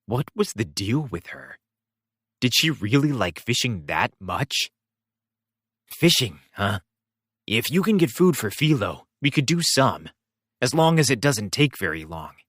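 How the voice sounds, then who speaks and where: Male first-person narrator, wry and expressive; animated delivery, dry. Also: medium pitch, a little slow, no echo. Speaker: audiobook reader.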